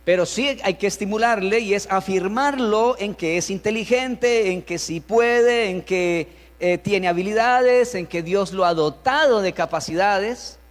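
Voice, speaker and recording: Male pastor, high-pitched, preaching in a sermon, acts out the parents' lines; long reverb, faint hum. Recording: reverberant hall with mains hum.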